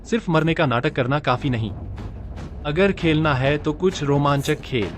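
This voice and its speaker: A man's voice: a little high, normal speed, music in the background, lightly acted. An actor playing a young husband who grieves his wife, his pleading disbelief giving way to a cold, calculating edge, in a dubbed drama. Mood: determined.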